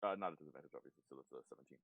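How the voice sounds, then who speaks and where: A game master narrating a tabletop game in a relaxed, halting way with lots of fillers. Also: a bass voice, creaky, dry recording, highs cut off.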